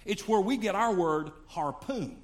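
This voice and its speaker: A man's voice: high-pitched, animated, a little slow. An older man preaching a sermon in a fervent, folksy way.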